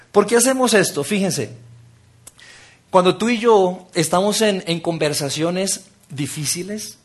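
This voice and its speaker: A man preaching a sermon, engaging the audience with exercises and dropping to a soft, intimate tone for key points. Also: high-pitched, animated, takes it slowly, pauses often, breathy edge.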